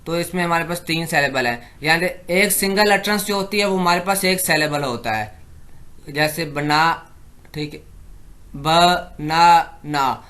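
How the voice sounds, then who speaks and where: A man giving an exam-prep lecture, explaining in Hindi-Urdu and reading English definitions slowly and deliberately. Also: a little high, pushed and bright. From Pakistan.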